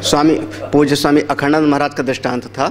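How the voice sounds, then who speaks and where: A man's voice: fairly high pitch, level tone, fast talker. A man, a swami, giving a spiritual discourse on yoga scripture, explaining terms and checking with listeners. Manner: explanatory, repeats key terms, asks listeners rhetorical checks; uses everyday anecdotes with acted voices. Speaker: swami teaching yoga philosophy.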